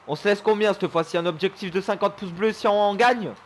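A young man commentating his own gameplay for viewers, excitable and chummy, swearing and shouting at the game. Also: high-pitched, a little fast. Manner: chummy, keeps calling viewers his pals. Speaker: gaming YouTuber.

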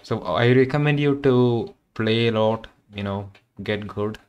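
A young man from Kerala with an Indian accent, his first language Malayalam, chats informally with game-stream viewers, full of fillers and loose wording. He speaks a little slowly in a lowish, clear, resonant voice, though the condenser-mic recording is muffled.

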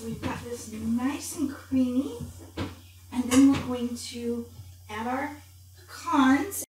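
A middle-aged woman in a home kitchen hosts a cooking show as Mrs. Claus, chatting warmly through a recipe to camera like a grandmother reading a storybook. Her voice is slightly high, slow and a little mellow, with soft background music. The sound is very echoey, the mic distant, with faint room noise.

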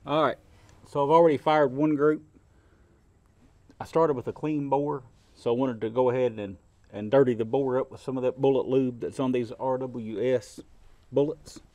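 A man's voice: medium pitch, fairly even intonation, normal speed, a little mellow, dry recording. A middle-aged man hosting his shooting vlog, explaining step by step in a plain, easygoing way from a covered outdoor range bench. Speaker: shooting channel host. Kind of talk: casual instructional vlog.

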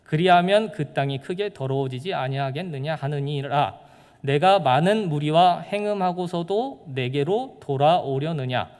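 A man's voice: fairly high pitch, animated, measured pace, darkish tone, clear, resonant tone, long reverb tail. A man preaching a sermon as pastor, in a conversational way with rhetorical questions. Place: church.

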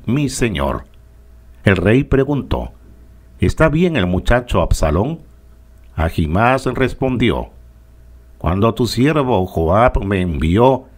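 Slow solemn man reading scripture. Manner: solemn, rises in pitch on the king's laments. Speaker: scripture reader. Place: radio studio.

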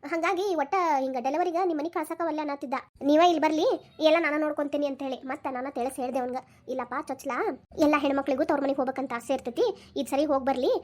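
A woman's voice: high voice, a little mellow, lightly acted. A woman voicing a fussy, take-charge older mother-in-law, in a Dharwad Kannada accent. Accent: North Karnataka (Dharwad) Kannada.

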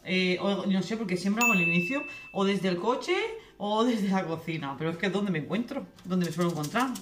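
A young woman vlogging casually from her home kitchen, talking quickly and cutting herself off mid-sentence. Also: medium pitch, background noise. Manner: fast, chatty, self-interrupting. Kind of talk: casual kitchen vlog chat. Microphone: camera on tripod.

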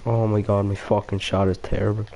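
A young man with a low, gravelly voice talks over his gameplay, muttering and swearing as his frustration builds. A faint hiss of noise sits under the recording. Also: flat delivery, fairly quick, dark tone. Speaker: gamer. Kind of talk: casual gameplay commentary.

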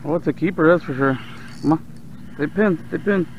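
A man with a South Texas accent giving relaxed running commentary while fishing from a kayak on open bay water, talking to the fish and his viewers. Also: fairly high pitch, a little fast. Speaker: fishing vlogger. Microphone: action camera on the kayak. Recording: dull outdoor camera audio with faint water noise.

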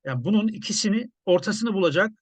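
A journalist commenting in a casual, conversational way, musing with many hesitations. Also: male voice, high-pitched, expressive, quick pace, slightly rough, dry recording.

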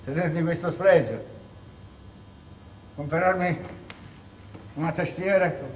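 Man acting a wronged, bitter clerk, slow and deliberate, stage play, distant echoey hall recording. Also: on the high side, a little hiss or hum, close to an everyday voice. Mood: anguished. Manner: theatrical, swings from hushed bitterness to shouting. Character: proud wronged middle-aged male clerk Ciampa, bitter and cunning. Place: theatre stage. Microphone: distant room mic.

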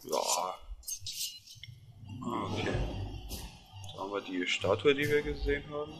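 A man's voice: medium pitch, expressive, normal speed, vocal fry. A man hosting a let's play, giving casual gameplay commentary in an offhand, muttering way. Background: game music.

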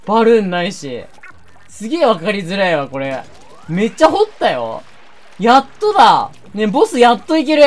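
A woman gaming YouTuber giving excitable game commentary, shouting reactions and talking to viewers. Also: mid-range voice.

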